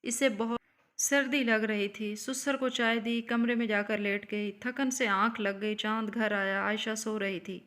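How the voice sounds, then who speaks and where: A woman telling an emotional story as scripted narration, in a steady storytelling manner. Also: on the high side.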